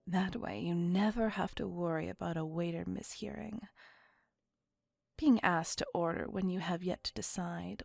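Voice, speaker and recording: In an ASMR roleplay, a woman plays a possessive female vampire centuries old, whispering softly in formal, old-fashioned language. Her voice sits on the low side and is creaky, with no echo and faint music in the background.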